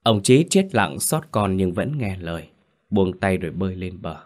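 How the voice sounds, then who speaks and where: A man's voice: low voice, very animated, normal speed, darkish tone. A man narrating a village horror story in a grave, tense way.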